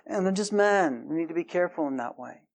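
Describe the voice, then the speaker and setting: A middle-aged man preaching a sermon, emphatic, his voice rising high and loud to stress points. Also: animated, fast, vocal fry. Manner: emphatic, rising in pitch and volume for stress, acts out quoted voices. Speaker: pastor.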